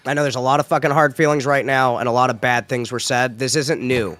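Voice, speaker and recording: A man on a livestream trying to calm things down, swearing freely. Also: medium pitch, dry recording. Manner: fast, profane, conciliatory. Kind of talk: livestream chat.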